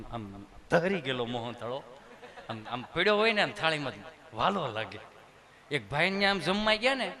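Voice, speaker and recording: A middle-aged man telling a comic story on stage, acting out the people in it and laughing along as he goes. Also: high voice. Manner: animated, acts out characters and laughs along. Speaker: stand-up comedian. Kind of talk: Gujarati folk comedy storytelling.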